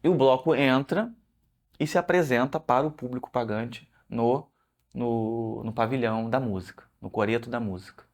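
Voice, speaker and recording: A man's voice: medium pitch, normal speed, darkish tone. Man explaining history with restarts. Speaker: researcher. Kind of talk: documentary interview explanation.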